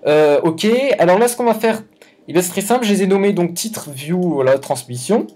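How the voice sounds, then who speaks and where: A man's voice: high-pitched, expressive, brisk, a little mellow. Man talking through a coding tutorial. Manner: thinks aloud, hesitant with frequent self-corrections; informal, slangy. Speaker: YouTube tutorial host. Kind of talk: casual screen-recorded coding tutorial.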